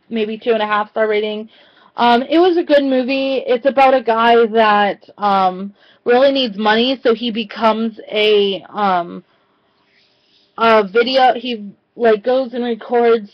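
A woman's voice: a little high, highs cut off. A young woman casually reviewing movies for her video channel, talking in a chatty way with lots of "um" fillers and restarts.

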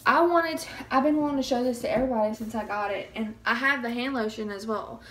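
Speaking fast in a fairly bright, higher-pitched voice, this young woman nervously chats her way through a casual review vlog and keeps dropping "y'all." Bronchitis gives her voice a slight scratch, and a phone camera captures her up close in a small bedroom.

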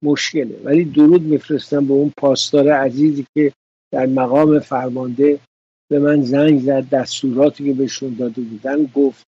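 A man's voice: mid-range voice, mellow, breathy edge, no room sound, highs cut off. A man hosting a political commentary show, talking indignantly and sarcastically in a studio.

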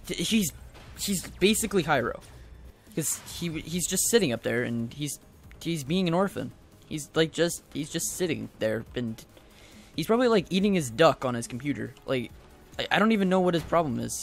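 A young man giving casual, rambling let's-play commentary, excitable and full of goofy asides. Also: on the high side, moderate pace, creaky, faint music behind. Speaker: gaming video host.

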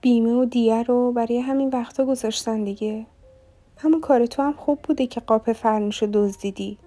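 A woman's voice: a little high, fairly even intonation, mellow, faint music behind, lightly acted. A woman voicing a blunt, haughty wealthy mother of about forty who asks prying, condescending questions in an audiobook. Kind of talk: audiobook character voice.

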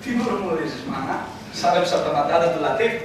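A man's voice: a little high, noisy background, natural voice. A young man acting a defiant, impatient son in a school stage play, urgent in his arguing, recorded from far off on an echoey stage. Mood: agitated. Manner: urgent, rising to outbursts. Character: hot-headed grown son, impatient and defiant. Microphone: distant camera mic.

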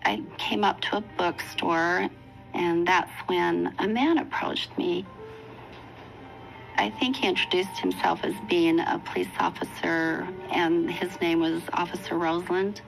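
A woman in her sixties telling her own story in a documentary interview, earnest and reflective, with pauses and restarts. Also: fairly low pitch, fairly even intonation, gravelly, soft background music, poor audio. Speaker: interviewee recounting her past.

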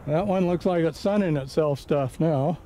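A man's voice: fairly high pitch, normal speed, warm tone, slight background noise. A man chatting in an easygoing way with friends on a mountain ridge, recorded outdoors on a handheld camera. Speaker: hiker filming the trip. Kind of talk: casual chat on a hike.

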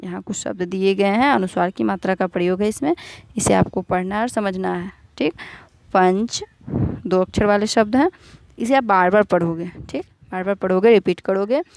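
A woman's voice: mid-range voice, a little mellow, dry recording. Woman teacher drilling young pupils. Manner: asks questions and answers them herself, repeats words slowly. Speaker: school teacher. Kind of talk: recorded classroom lesson for young children.

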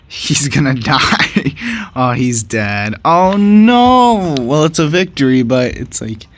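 A man giving casual, excitable commentary while playing a game with a friend, laughing and trash-talking his opponent. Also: medium pitch, takes it slowly, long pauses, no echo. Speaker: gaming channel host.

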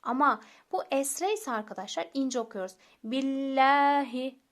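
A young woman teacher explaining recitation rules patiently, repeating each rule step by step and slowing down for examples. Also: on the high side, expressive, a bit bright. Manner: slows down to recite example words. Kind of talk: recorded tajweed lesson.

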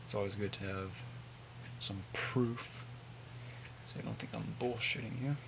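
A man in his twenties giving a casual, mumbled, sweary product review on a low-volume webcam recording. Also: steady tone, a little slow, creaky, heavy background noise. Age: 20s. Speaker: vape reviewer. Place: small home room with hanging clothes.

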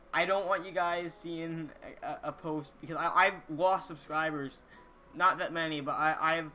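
Teenage boy, bright forceful voice, slightly high, halting earnest casual vlog chat, noisy recording. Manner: halting, earnest, repeats words. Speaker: YouTuber reading viewer comments. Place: small indoor room, gaming chair.

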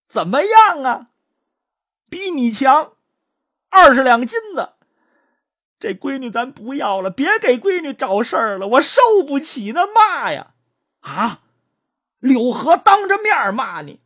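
A grumbling, resentful old father, put on by a woman storyteller, with a husky voice. His complaints climb high in pitch, and the dry recording sounds slightly dull. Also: no echo, full character voice. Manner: grumbling, rising indignation.

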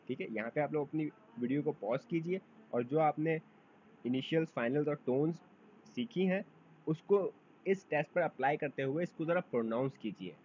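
A man's voice: on the high side, a little mellow. A man teaching a beginner language lesson, drawing out model sounds and asking learners to repeat after him. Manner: drawn-out model sounds for drills. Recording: dull lo-fi recording, faint noise.

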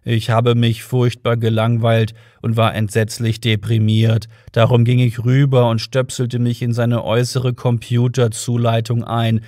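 A man voicing a depressed male robot in an audiobook, speaking in a slow, dull, droning monotone. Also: mid-range voice, dry recording, studio quality, lightly acted. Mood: gloomy.

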